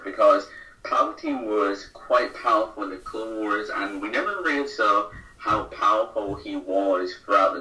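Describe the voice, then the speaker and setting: A male guest in a casual fan chat, speaking in an agreeable, steady way. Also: on the low side. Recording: echoey room, far from mic.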